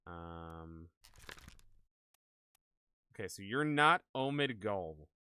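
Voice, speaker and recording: A man livestreaming a video game, chatting casually and excitably with viewers in an animated, exclaiming way. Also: sits low, drawn-out words, clear, resonant tone. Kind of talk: casual livestream gaming chat and commentary.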